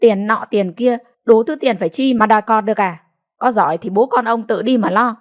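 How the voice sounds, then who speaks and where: A woman voicing a harsh, sharp-tongued old village mother-in-law who scolds in quick, angry outbursts. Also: medium pitch, lightly acted. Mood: scolding.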